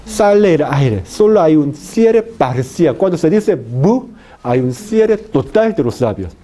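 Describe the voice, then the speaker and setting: A man giving a phonetics lecture, slowly repeating example words over and over. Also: fairly high pitch, big pitch swings, dark tone. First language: Korean. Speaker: university lecturer.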